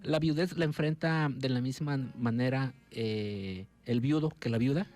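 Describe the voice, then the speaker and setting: A man's voice: mid-range voice, a little slow, darkish tone. Male host asking questions. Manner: leading questions, frequent agreeing "ujú". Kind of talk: interview hosting.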